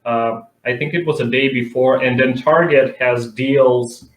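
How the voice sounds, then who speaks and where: In an echoey room, an interview guest from North Macedonia, who works as an advertising director, talks conversationally as an expert. His medium-pitched voice has fairly even intonation and a slightly slow pace.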